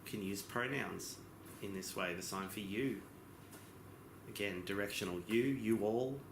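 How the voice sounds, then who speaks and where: A man giving a simultaneous interpretation as voice-over for a lesson, explaining in phrases with pauses and occasional self-corrections. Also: lowish voice, gravelly. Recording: echoey room with background noise.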